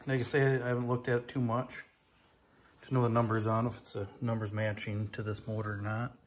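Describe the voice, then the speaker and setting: Phone in hand in his garage workshop, a plain-spoken hobbyist gives casual walkaround commentary on the old snowmobile he's restoring. He speaks fairly quickly with a fairly low, level voice, rambling and repeating "like I say."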